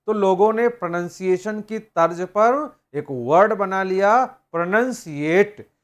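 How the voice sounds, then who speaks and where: A man teaching grammar in a recorded lecture. He explains step by step and reads example sentences slowly, word by word. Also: high voice. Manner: slow, explanatory, reading English examples word by word.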